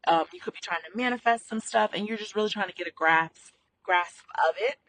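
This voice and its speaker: A bright, forward voice of medium pitch, belonging to an astrology channel host. The delivery is casual and conversational, punctuated by small check-ins like okay and all right. It is recorded inside a vehicle and sits a little far from the mic. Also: fairly quick, dry recording. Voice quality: sounds a bit far away from the mic. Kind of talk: casual spoken spiritual guidance vlog. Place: inside a parked or stationary vehicle. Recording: slightly distant mic inside a car.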